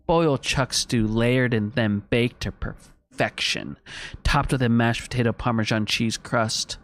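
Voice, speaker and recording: A mid-range male voice at a measured pace belongs to a gaming streamer. In casual let's-play style, he reasons aloud, talks with viewers and reads on-screen text during the game.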